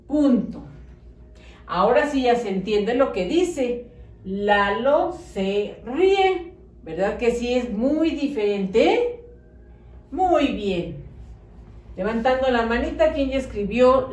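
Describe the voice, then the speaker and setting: A primary school teacher with a Mexican Spanish accent and a high-pitched voice gives young children a slow, patient early-literacy lesson, dictating words clearly while gently praising and coaxing them. The room is echoey, and her voice sits a bit far from the mic.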